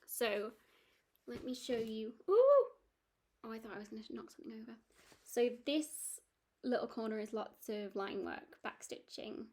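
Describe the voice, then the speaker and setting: A woman's voice: on the high side, fairly even intonation, moderate pace, darkish tone. A woman chatting casually about her cross-stitch projects, rambling with lots of ums and restarts. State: has the hiccups. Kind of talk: casual chat.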